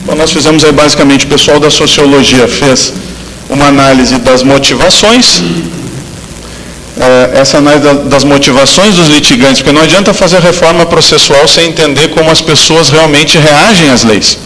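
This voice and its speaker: A man's voice: on the high side, moderate pace, a bit bright, a little hiss or hum. Man lecturing in an echoey hall. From southern Brazil. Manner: hesitant, many fillers and restarts. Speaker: law professor giving a lecture. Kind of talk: academic lecture.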